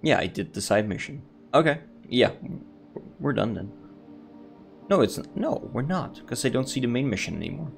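A man's voice: medium pitch, animated, fairly quick, gravelly. A man streaming a video game, joking to himself and greeting viewers as he plays. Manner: joking self-talk, chatting to viewers. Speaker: livestreamer. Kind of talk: casual gameplay commentary. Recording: voice over loud game music. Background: game music.

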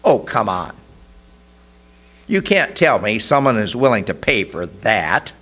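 A woman's voice: medium pitch, huge pitch swings, takes it slowly, gravelly, a little mellow, husky, pitched above the performer's own voice, heavily acted. A man voicing a troubled woman customer who stammers and blurts things out. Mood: disbelieving. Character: troubled young woman customer, flustered and blunt.

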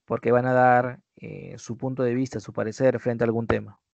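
A man's voice: medium pitch, steady tone, normal speed, vocal fry, a little mellow, dry recording. Man, Peruvian Spanish accent, online language teacher, explains with examples, dry, lo-fi sound. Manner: explains by worked examples, checks in with students. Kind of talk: online prep-school class. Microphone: computer mic on a video class. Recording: dull, lo-fi online class audio.

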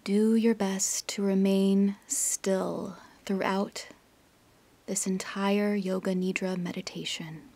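A woman leads a guided yoga nidra meditation in a soft, husky near-whisper with a creaky edge. She speaks gently and very evenly in pitch, leaving long pauses between instructions.

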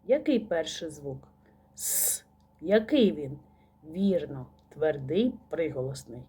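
A woman teacher giving a slow, patient recorded lesson to young children, asking questions and praising answers. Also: medium pitch, mellow, slightly rough.

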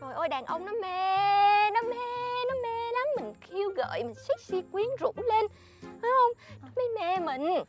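Loud music sits behind this actress's very high-pitched, very animated voice, which moves at a normal speed. With her Southern Vietnamese accent, she portrays a boastful, scheming friend in a comedy sketch who bossily and showily lectures another woman.

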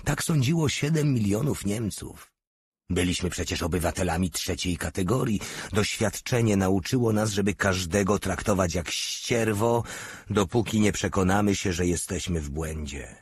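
Deep husky male audiobook narrator. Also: animated, normal speed.

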